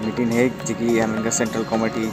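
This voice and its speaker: A man's voice: on the low side, monotone, loud music behind the voice. Young man with a Sadri accent vlogging. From Dooars, West Bengal. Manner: halting, many fillers and restarts. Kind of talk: casual travel vlog. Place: outdoors by a road. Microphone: phone held at arm's length.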